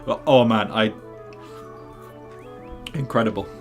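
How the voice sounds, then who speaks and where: A man's voice: lowish voice, slow pace, a little mellow, faint music behind. A man streaming live gameplay who rambles, jokes and chats with his viewers. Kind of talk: casual live gameplay commentary.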